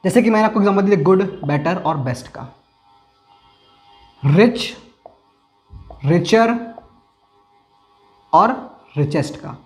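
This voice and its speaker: A male teacher explains a lesson step by step, tossing questions at his listeners and answering them himself. He slows down to repeat key terms for emphasis, with faint music in the background. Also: sits high, lively intonation. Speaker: English grammar teacher.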